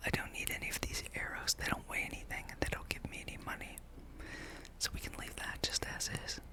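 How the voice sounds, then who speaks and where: The audio quality is poor, but the host's soft, breathy whisper stays constant and close to the microphone. In a relaxed ASMR ramble, they muse at an easy pace through their gameplay.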